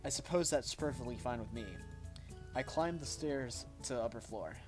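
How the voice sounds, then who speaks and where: Male streamer, mid-pitched, loose and unpolished game read-aloud. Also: normal speed, music in the background. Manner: casual, unpolished reading with self-corrections. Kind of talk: reading a visual novel aloud.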